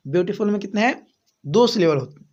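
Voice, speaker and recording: A man with an Indian accent teaching an English grammar lesson. He explains slowly, repeats each rule and asks rhetorical questions. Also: high voice, animated, a little mellow. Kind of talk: slow classroom explanation. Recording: muffled lo-fi recording.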